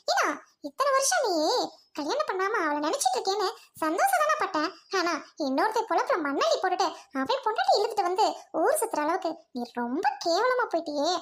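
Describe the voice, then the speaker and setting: A woman acting as a sharp-tongued angry young sister, speaking with scolding contempt in a short drama. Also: very high voice, full character voice.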